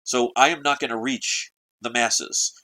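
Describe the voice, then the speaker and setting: A man's voice: medium pitch, fairly even intonation, a little slow, bright, forceful tone, poor audio. A man delivering an urgent, preachy video monologue to his viewers, full of rhetorical questions. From United States. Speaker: political video blogger. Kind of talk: ranting monologue to camera.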